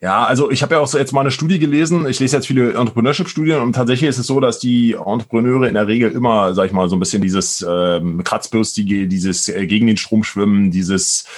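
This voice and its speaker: A man's voice: on the low side, fast talker, hardly any pauses. A man in his forties with a Berlin accent, a guest on an interview podcast, talking casually and rambling with many fillers and restarts. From Brandenburg, Germany. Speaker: guest, entrepreneurship professor.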